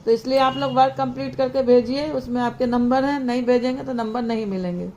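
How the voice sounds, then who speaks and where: A woman teacher giving an online class lesson to young children, slowly and deliberately spelling out example words one by one. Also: on the high side, steady tone, a little mellow, a little hiss or hum.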